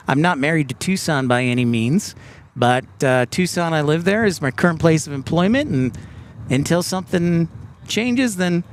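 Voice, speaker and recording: Man, slightly high voice, relaxed live-stream host, faint outdoor noise. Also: normal speed. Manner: relaxed, reads viewer comments aloud. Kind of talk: casual live-stream chat. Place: outdoors by an airport.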